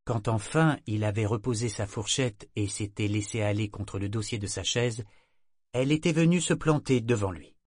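Measured low-voiced male audiobook narrator. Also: dry recording, studio quality. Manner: measured and even. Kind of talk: scripted narration.

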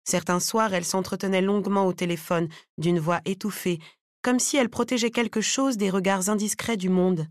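A woman narrates an audiobook chapter in a measured, even storytelling manner. Her voice sits at an ordinary middle pitch, and the recording is close and dry with no room sound. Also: no room sound. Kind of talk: scripted narration.

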